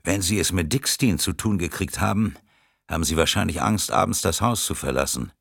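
A man's voice: low-pitched, brisk, creaky, a bit bright, husky, no echo, studio quality, exaggerated voice. A man reading an audiobook, voicing a curt, commanding male spy leader.

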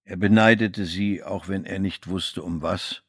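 A man reading a novel aloud as scripted audiobook narration, giving the characters' lines small shifts in pitch. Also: fairly even intonation, unhurried, a bit bright, slightly rough, no echo, clean studio sound.

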